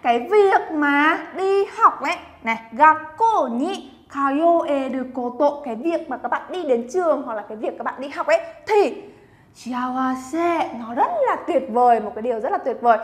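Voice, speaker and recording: A woman from Vietnam teaching Japanese vocabulary in a chatty, encouraging way, slowly repeating words for the learners to copy. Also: high-pitched, animated. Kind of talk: lively vocabulary lesson.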